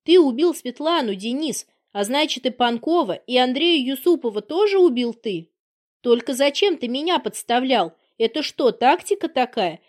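A sharp-tongued jilted woman, read by a female narrator, scornful and accusing, in a voice pitched a little high. Her words come out clipped and cutting, with no softness to them. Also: lively intonation, normal speed. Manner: biting, scornful.

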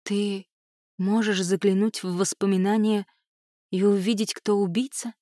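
A woman reading an audiobook, voicing a distraught young woman who shouts accusations through tears. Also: mid-range voice, little pitch movement, measured pace, no echo, lightly acted. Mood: furious, tearful.

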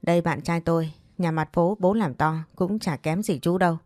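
A woman's voice: lowish voice, moderate pace, darkish tone, no room sound, natural voice. A woman reading an audio story, voicing a headstrong teenage girl who scolds sharply. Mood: scornful.

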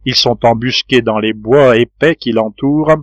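A man voicing a loyal, level-headed reporter in an audiobook, speaking earnestly and in a measured way. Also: medium pitch, no room sound, highs cut off, lightly acted.

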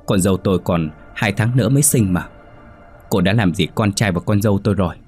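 A man's voice: low voice, brisk, darkish tone, soft background music, natural voice. A man playing a guilt-ridden older man who stammers and cries out in frantic fear. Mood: terrified.

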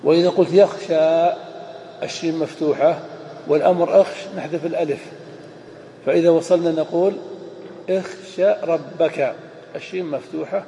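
A man with a fairly high but mellow voice gives a grammar lesson. He walks through each rule step by step and answers his own questions. He is recorded in a large, echoey lecture hall with faint room noise behind him. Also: steady tone, quick pace. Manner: explains step by step, asks questions and answers them himself. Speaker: grammar teacher.

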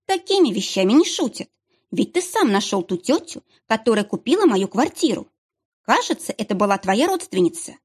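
A woman voicing a sharp-tongued, mocking young heroine with biting, sarcastic retorts. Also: on the high side, very animated, normal speed, breathy edge.

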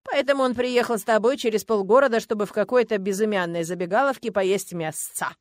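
A woman reading the part of a gruff middle-aged male tavern keeper who talks loudly and bluntly. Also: mid-range voice, a little fast, no echo, clean studio sound, natural voice. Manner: loud, blunt, haggling.

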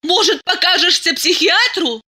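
A woman's voice: very high voice, expressive, normal speed, pushed and bright, pitched above the performer's own voice, exaggerated voice. A woman reading an audiobook, voicing a furious, jealous woman who shrieks accusations. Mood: accusing.

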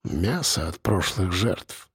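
A man voicing a menacing male cannibal captor who speaks quietly, slowly and coldly. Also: medium pitch, expressive, husky, dry recording, studio quality. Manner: quiet, slow and icy. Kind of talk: audiobook character voice.

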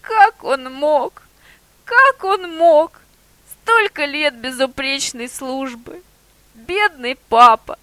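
A gruff male guard dog chief barks out slow, heavy, growling words, as a woman reads him. The voice is high and bright, with a tight, dry sound. It sounds like a storybook reading. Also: steady tone, dry recording. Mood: wailing.

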